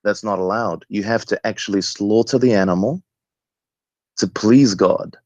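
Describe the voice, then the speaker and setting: The caller, an Egyptian man in his thirties, chats about his own opinions and experience at a moderate pace. His lowish voice is a little mellow. The remote connection leaves the line muffled and echoey.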